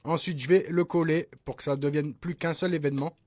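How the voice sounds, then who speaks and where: A man's voice: fairly high pitch, fairly even intonation, brisk, a little mellow, no room sound. A man giving a casual music production tutorial, chatting to his viewers and checking in with them every few phrases. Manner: chatty, peppers speech with "hein" and "d'accord?"; addresses viewers as "les gars". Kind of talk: casual screen-recorded tutorial.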